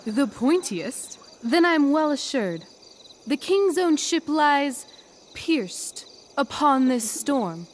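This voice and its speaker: A woman playing a poised, persuasive teenage girl who acts on stage in a video game, with a measured theatrical manner. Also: sits high, big pitch swings, slight background noise, full character voice. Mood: grand, commanding. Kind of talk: video game acting, Shakespearean stage delivery.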